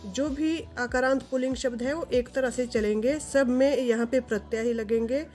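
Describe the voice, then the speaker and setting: A woman teaching a grammar lesson to viewers, reciting word forms in slow, steady lists. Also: high-pitched, faint music behind.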